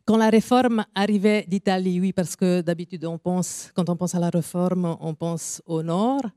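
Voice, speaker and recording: A woman with an Italian accent, not a native French speaker, giving a careful, measured formal speech at an evening event. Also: lowish voice, fairly even intonation, warm tone, dry recording, studio quality. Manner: careful, apologetic about her French, measured delivery with pauses. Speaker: invited speaker.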